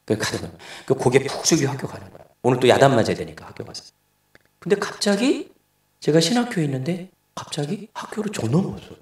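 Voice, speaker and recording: A man's voice: medium pitch, sing-song, quick pace. Man preaching in an echoey church. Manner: storytelling, acts out dialogue in quoted voices. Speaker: pastor. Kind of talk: sermon. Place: church sanctuary. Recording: echoey church hall, distant mic.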